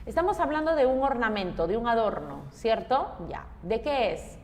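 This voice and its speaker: A woman's voice: fairly high pitch, very animated, moderate pace, a little mellow, big-room sound, a little hiss or hum. A woman with a Peruvian Spanish accent teaching an English class, explaining step by step and quizzing her students. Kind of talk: classroom lesson.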